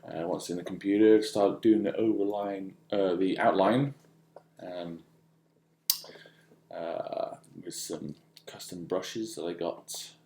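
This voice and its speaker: Low male voice, casual demo narration, halting and musing, echoey room recording. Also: gravelly, warm tone. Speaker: digital artist demonstrating own work.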